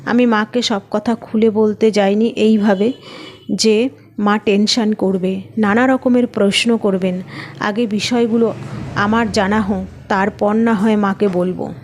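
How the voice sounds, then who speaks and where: Woman narrating a story, steady even reading, middle pitch. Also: unhurried, a little hiss or hum. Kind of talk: scripted first-person story narration.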